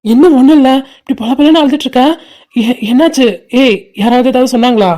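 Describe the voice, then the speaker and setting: A woman voicing a caring but bossy young college boy in a cartoon, pushing rapidly and teasing his friends. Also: high-pitched, warm tone, lightly acted. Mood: insistent. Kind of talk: cartoon voice acting.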